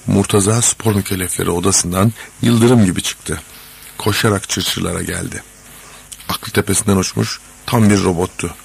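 Male audiobook narrator; deep, rough, husky, measured and dramatic. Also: fairly even intonation. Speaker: audiobook reader. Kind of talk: scripted narration.

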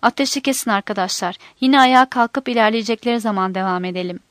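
A woman's voice: mid-range voice, fast talker, a bit bright, dry recording, clean studio sound, natural voice. A woman reading as a steely guerrilla leader. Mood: firm. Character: determined male guerrilla leader, calm under fire.

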